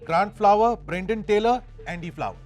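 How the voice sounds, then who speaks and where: Man, quiz host, high-pitched voice, chatty and informal, music faintly behind. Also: moderate pace. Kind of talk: chatty quiz show presenting. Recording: music under the voice.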